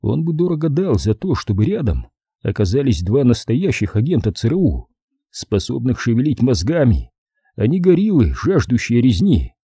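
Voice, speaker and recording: A man narrating an audiobook in measured storytelling, voicing the characters. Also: medium pitch, sing-song, mellow, husky, dry recording, clean studio sound. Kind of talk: scripted narration.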